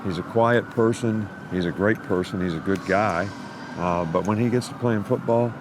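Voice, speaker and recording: A head coach gives a plainspoken postgame answer. His voice is low. Clear outdoor noise, like traffic, surrounds him. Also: normal speed. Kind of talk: postgame interview.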